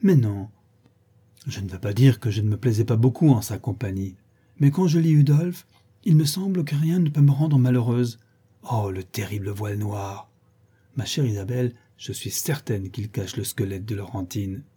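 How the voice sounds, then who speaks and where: A man's voice: mid-range voice, normal speed, warm tone, breathy edge. A man reading an audiobook and voicing an earnest, innocent seventeen-year-old girl.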